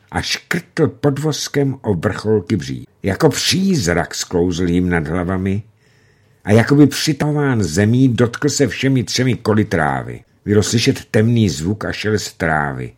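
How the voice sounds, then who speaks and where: A man narrating a novel in a measured, dramatic reading voice that slows for tense moments. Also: low-pitched, darkish tone, breathy edge. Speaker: audiobook narrator.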